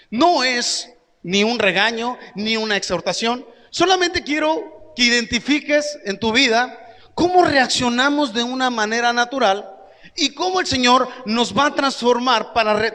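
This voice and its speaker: High-voiced man preaching in a hall. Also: pushed and bright. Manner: emphatic preaching with sudden pitch swings. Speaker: pastor. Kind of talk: sermon. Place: church hall. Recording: echoey church hall.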